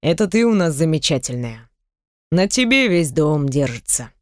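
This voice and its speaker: A woman voicing a gruff, weary young man in an audiobook, speaking low and terse. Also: animated, normal speed, a little mellow, no room sound, studio quality, close to an everyday voice.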